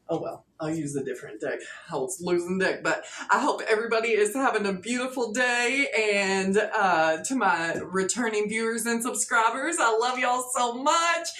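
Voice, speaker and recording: Chatty tarot reader woman in echoey room. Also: fairly high pitch. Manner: animated storytelling with movie retelling and playful asides. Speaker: tarot reader and channel host. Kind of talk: casual tarot reading chat. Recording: echoey room, faint background noise.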